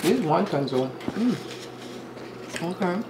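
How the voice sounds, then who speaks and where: A woman hosting a mukbang, chatting casually to viewers in a relaxed, advice-giving way while chewing her food. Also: fairly low pitch, takes it slowly, noisy background. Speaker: mukbang host. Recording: echoey room.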